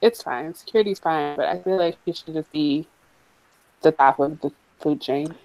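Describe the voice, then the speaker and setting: A woman's voice: low voice, moderate pace, no echo, low-quality recording. A woman in a casual fan chat, blunt and opinionated. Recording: loud background noise.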